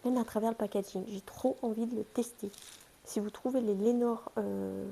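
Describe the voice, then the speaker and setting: Young woman, casual haul vlogger, chatty and self-mocking, warm low-key timbre. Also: fairly even intonation, moderate pace, vocal fry, slightly rough. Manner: chatty, self-mocking, talks to her pets. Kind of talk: casual shopping haul vlog.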